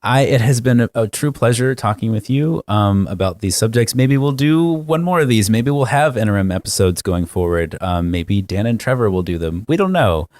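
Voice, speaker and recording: Low-voiced, earnest podcast co-host, a man. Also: lively intonation, moderate pace, few pauses, darkish tone, no room sound. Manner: earnest and reflective, with frequent ums. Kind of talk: casual podcast chat.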